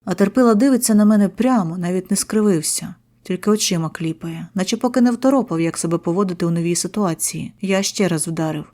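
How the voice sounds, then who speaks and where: A woman's voice: lowish voice, fast talker, few pauses, mellow. Woman narrating a horror story tersely.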